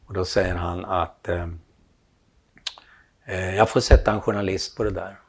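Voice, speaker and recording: A man's voice: sits low, gravelly, breathy edge. A man telling a long anecdote, acting out the dialogue as he goes. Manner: animated storytelling, acts out quoted dialogue. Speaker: storyteller, photographer.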